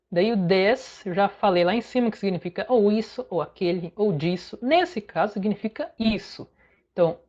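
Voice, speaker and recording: A Brazilian woman teaching English in an online lesson, patiently breaking each phrase into single words. Her mid-pitched voice comes through a slightly dull, lo-fi recording. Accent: Brazilian Portuguese.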